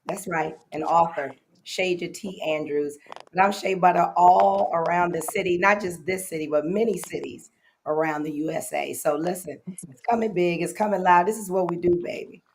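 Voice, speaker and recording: A woman's voice: fairly low pitch, normal speed, slight background noise. A woman MC and author giving a showy self-introduction, emphatic and boastful, repeating her phrases.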